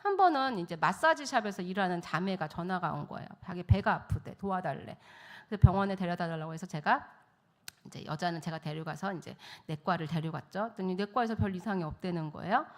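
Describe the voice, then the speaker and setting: A woman missionary giving a testimony sermon in a church, telling her story with animated storytelling and acting out the voices she quotes. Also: fairly low pitch, fast talker. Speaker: missionary speaker.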